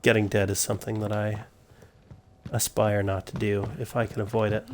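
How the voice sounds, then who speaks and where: An American man casually commenting on his game for viewers, relaxed and self-mocking. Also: lowish voice, moderate pace. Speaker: streamer. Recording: noisy game audio behind. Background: game sounds, gunfire.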